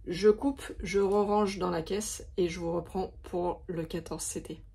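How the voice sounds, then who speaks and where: A woman's low-leaning voice, gravelly, husky and mellow, stays steady and measured as she casually shows her craft supplies. She vlogs hesitantly, sprinkling in lots of fillers.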